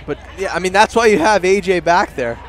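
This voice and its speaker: A man casually commenting on a live high school football game, halting and using lots of fillers. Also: a faint crowd. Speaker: color commentator.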